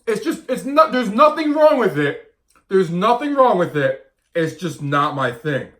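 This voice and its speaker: A man's voice: high-pitched, very animated, measured pace, a bit bright. A man in his thirties talking casually to camera as a vlogger and diet coach, blunt and emphatic, often repeating his points. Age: 30s.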